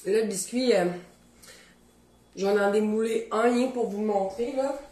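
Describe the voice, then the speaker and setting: A woman with a Beauce Quebec French accent hosts a casual cooking show from her home kitchen. She talks to viewers in a chatty, animated way as she tastes her food, with a voice of middling pitch. The kitchen sounds echoey, with dishes and pans clattering behind her. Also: measured pace.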